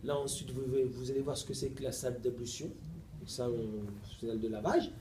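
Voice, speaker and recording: A middle-aged man preaching in a mosque, telling a story in a lively, playful way and acting out the dialogue. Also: mid-range voice, a little fast, slight background noise. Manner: animated, playful, laughs often, acts out dialogue. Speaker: preacher giving a lecture. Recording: echoey room recording with faint ambience.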